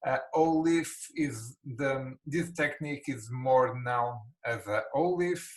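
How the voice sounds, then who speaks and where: A man, a spine surgeon from Portugal and a native Portuguese speaker, gives a webinar lecture over a video call with a Portuguese accent, halting often with fillers and restarts. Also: medium pitch, low-quality recording. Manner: hesitant, many fillers and restarts.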